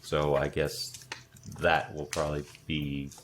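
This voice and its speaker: A man with a very low voice talks casually as a player in a tabletop game. He thinks his moves through aloud, with faint noise behind him. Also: flat delivery, takes it slowly, fairly bright tone.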